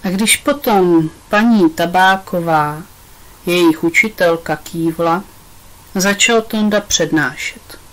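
A woman reading a children's storybook aloud in a gentle, even narration. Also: lowish voice, poor audio. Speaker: audiobook reader.

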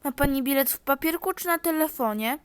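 A woman's voice: sits high, brisk, dry recording, lightly acted. A woman voicing a stern, officious male train ticket inspector. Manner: officious, insistent.

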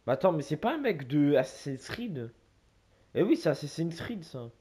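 Slangy young man with a mellow voice. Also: on the high side, very animated, normal speed, husky. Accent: French. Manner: slangy, loose and rambling, talks to viewers as mates. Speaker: gaming YouTuber. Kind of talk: casual gameplay commentary.

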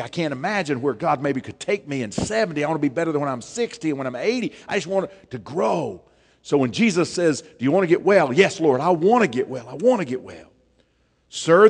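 A man, preaching an animated sermon on a church stage, dropping to a hush for emphasis. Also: mid-range voice. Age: 40s. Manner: animated, gestures widely, drops to a hush for emphasis. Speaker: pastor. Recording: long reverb of a church hall.

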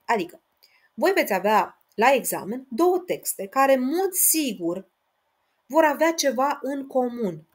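Patient woman teaching, reads verse slowly. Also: mid-range voice. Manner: slow, spelled-out reading of verse lines, syllable by syllable; patient, addresses listeners directly with checks like "da?". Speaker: Romanian language teacher. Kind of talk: exam-prep lesson to students.

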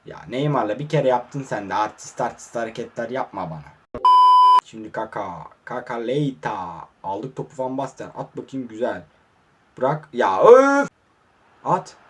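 A young man commentates his own online football match, speaking to the players on screen and swinging from low mutters to excited shouts. His voice is husky and his speed is normal.

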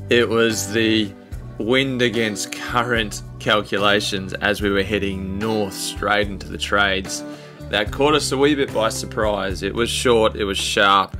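A man's voice: on the low side, fairly even intonation, unhurried. A man hosting a sailing vlog, talking casually and matter-of-factly from his catamaran. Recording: music playing under the voice.

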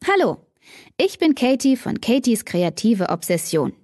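A woman's voice: on the high side, very animated, measured pace, darkish tone, dry recording, pitched above the performer's own voice. A woman voicing an exasperated, bookish teenage girl in an audiobook, with a dry close sound. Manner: exasperated, defensive.

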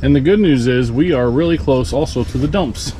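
A man's voice: mid-range voice, fairly quick. A man from Nebraska casually chatting outdoors while sorting through a storage unit. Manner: chatty, upbeat, calls out finds. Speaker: reseller vlogger. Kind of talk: casual chat while unboxing. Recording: loud outdoor noise.

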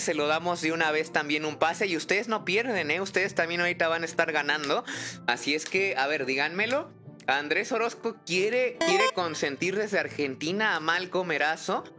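A man streaming a game live, chatty and excitable, thinking aloud and greeting viewers in the chat by name. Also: high voice. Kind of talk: casual live-stream chat while gaming.

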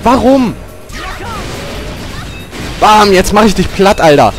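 Male let's player: higher voice, very lively swings, unhurried delivery, frustrated and cursing, yelps when hit. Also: soft background music. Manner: frustrated, grumbling and cursing at the game. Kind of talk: gaming commentary.

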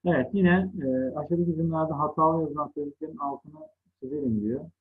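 A middle-aged male teacher speaks a little high for a man, in a husky voice heard through a tinny, phone-like line. He takes children patiently through spelling, setting each wrong form against the right one. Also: lively intonation, brisk. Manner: patient, contrasting wrong and right word forms. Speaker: primary school teacher. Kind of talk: online lesson to second graders.

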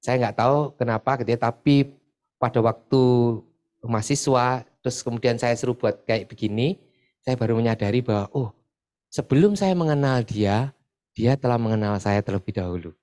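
A man's voice: medium pitch, normal speed. A man from East Java leading a church group sharing session, talking casually and chatting with many filler tags. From Pasuruan, East Java. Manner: chatty, often adds filler tags, lively when retelling stories. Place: church meeting room.

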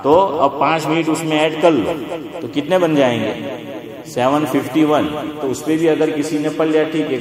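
A man giving a conversational religious lecture, often checking with listeners through rhetorical questions. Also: mid-range voice. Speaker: Islamic scholar. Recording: echoey hall with crowd.

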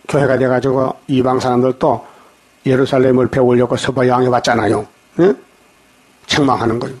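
A man's voice: mid-range voice, darkish tone. Pastor guy preaching at dawn, reads verse then scolds, keeps going "eh?". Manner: preaches verse by verse with frequent rhetorical "응?" checks; scolding, jokes at the congregation. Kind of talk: dawn sermon. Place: church.

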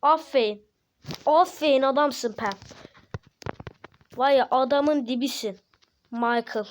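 High-pitched, excitable woman gaming. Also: slow pace, slight background noise. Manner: cheers on and taunts teammates, slangy and playful. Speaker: gaming channel host. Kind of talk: excited gameplay commentary.

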